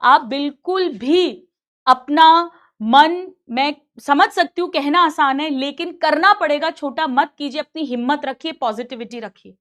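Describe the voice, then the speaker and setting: A woman's voice: sits high, measured pace, a bit bright. A middle-aged woman teacher giving a caring, motherly talk to her students, mixing English phrases in and repeating herself for emphasis. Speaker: coaching teacher.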